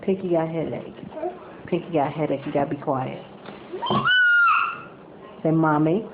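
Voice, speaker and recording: A woman, a mother, talking softly in repetitive baby talk to her infant for a home video. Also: low voice, unhurried. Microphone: camera mic. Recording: tinny lo-fi home video with background noise.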